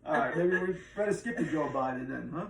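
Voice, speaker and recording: A middle-aged man hosting a relaxed chat, with a slightly high voice and frequent laughter. He talks loosely and uses plenty of fillers. He is heard from a distance in a roomy room. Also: fast talker, vocal fry, noisy background. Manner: laughs often, chatty, lots of fillers. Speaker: host. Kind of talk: casual chat.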